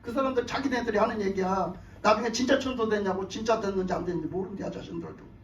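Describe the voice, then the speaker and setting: A man's voice: sits high, fast talker, highs cut off, a little hiss or hum. A man pastor preaching a sermon, telling stories animatedly and firing off rhetorical questions to his congregation in a church. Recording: echoey church from far off.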